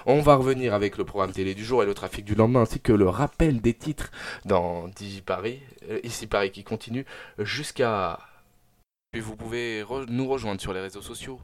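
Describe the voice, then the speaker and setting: A man reads the news live on local radio with a rather low voice. He stumbles often and fills pauses with drawn-out hesitation sounds. He speaks into a studio microphone. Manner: hesitant, frequent filler sounds.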